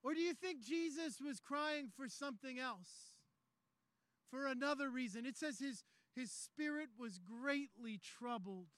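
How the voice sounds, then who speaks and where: A man preaching a sermon, telling the story conversationally and building to shouted climaxes. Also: very high-pitched, a little slow, no echo. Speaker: pastor.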